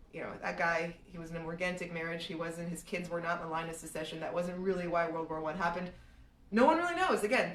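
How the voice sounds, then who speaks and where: A woman's voice: fairly low pitch, fairly bright tone, recorded from a distance. A woman from Serbia answering viewers' market questions in a live stream, thinking aloud with frequent restarts. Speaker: real estate analyst answering viewer questions. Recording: echoey room, voice a bit off-mic.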